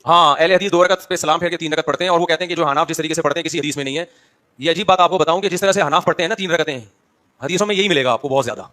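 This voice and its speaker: A man's voice: on the high side, pushed and bright, clear, resonant tone. A man, an Islamic scholar answering audience questions, explaining patiently and checking whether listeners follow. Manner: explanatory, addresses listeners directly with rhetorical questions; brief acknowledgements between questions.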